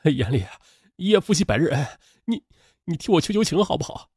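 A man's voice: a little high, big pitch swings, a little fast, a little mellow, slightly rough, no room sound, studio quality, full character voice. A man voicing a cowardly young male swindler who fawns and begs. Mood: pleading. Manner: fawning, pleading. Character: cowardly young male con man, fawning then begging.

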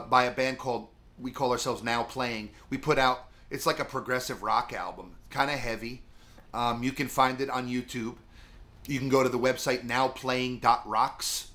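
A man's voice: medium pitch, pushed and bright. A middle-aged man teaching guitar soloing in a casual, rambling way, with lots of fillers as he talks. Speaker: music teacher. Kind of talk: casual video guitar lesson.

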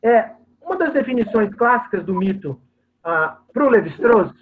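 A man's voice: sits high, animated, moderate pace. Hesitant man lecturing over tinny call audio. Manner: hesitant, explanatory, frequent "é" fillers. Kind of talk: academic lecture.

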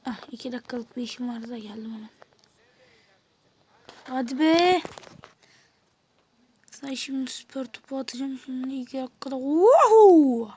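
A woman giving excitable let's play commentary, talking at the game in casual slang and sometimes dropping to a mutter. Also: a little high, very fast, few pauses, slightly rough. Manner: drops to mutters and whispers at times. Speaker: gamer.

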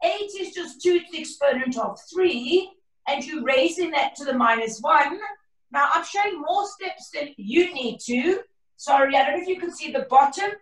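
A woman maths teacher giving an online lesson on a video call, her voice a bit hoarse and croaky, chatty and encouraging with her class. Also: high voice, expressive, normal speed. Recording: roomy, distant from the mic.

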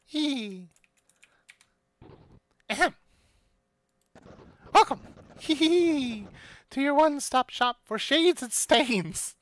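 A streamer voicing a tiny, excitable skeleton merchant from a video game, giggling and exclaiming in a skeleton voice. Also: high-pitched, extremely slow, long pauses, pitched above the performer's own voice, full character voice. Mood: excited, welcoming.

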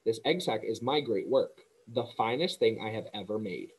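A man voicing a weak, gentle old spider. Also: fairly low pitch, animated, normal speed, breathy edge, rough recording. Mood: weary, gentle. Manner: quiet, tired, gentle. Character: weak, fading female spider, gentle and wise.

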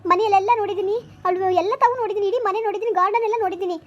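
A woman's voice: extremely high pitch, steady tone, very fast, muffled recording, pitched above the performer's own voice. A woman playing an anxious mother frantically searching for her daughter in a family drama skit. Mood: distraught. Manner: anxious, loud, calling out.

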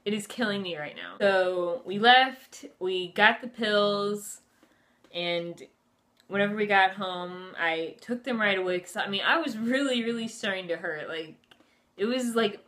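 A young woman in her twenties tells a personal story in a casual vlog style. Her voice sits at an average pitch for a woman. She is chatty and conversational, peppering her talk with "like" and "you know". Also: measured pace, fairly bright tone. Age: 20s. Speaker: vlogger. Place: furnished room at home, indoors.

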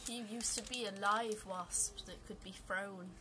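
A woman's voice: medium pitch, fairly even intonation, a little slow. A woman co-hosting a let's play, chatting casually over a video game. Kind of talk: casual chat over gameplay. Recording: noisy, game sound behind voice.

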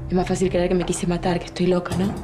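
A woman's voice: on the low side, completely flat delivery, fast, music in the background, natural voice. An actress playing a distraught pregnant woman in a telenovela, with a Rioplatense accent, speaking in a bitter and accusing way. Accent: Rioplatense Spanish. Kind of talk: telenovela acting.

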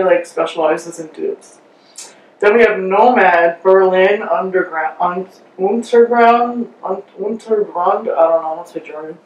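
A woman's voice: on the low side, far from the mic, a little hiss or hum. A woman casually chatting as a beauty vlogger while wearing a sheet face mask, rambling and trailing off as she talks. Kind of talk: casual chat reviewing makeup. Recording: echoey room, mic set back.

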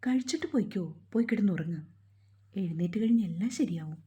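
A woman's voice: medium pitch, animated, quick pace, mellow, muffled recording, natural voice. A woman voicing a kind, motherly older housekeeper who fusses and coaxes with worried questions. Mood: fussing. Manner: doting, coaxing questions.

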